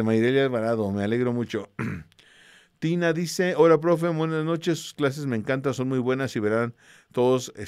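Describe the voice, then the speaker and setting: A man's voice: mid-range voice, clear, resonant tone, no echo, studio quality. A man with a Mexican accent, a teacher casually greeting students and reading their messages aloud in a slangy, easygoing way. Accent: Mexican Spanish.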